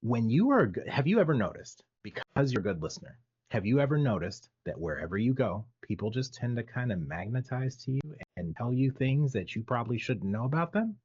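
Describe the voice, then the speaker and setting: A man's voice: medium pitch, sing-song, brisk, a little mellow, breathy edge, no room sound, highs cut off. A man hosting a casual video call interview, affirming his guest and joking along. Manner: affirming, jokey, lots of "mm". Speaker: host.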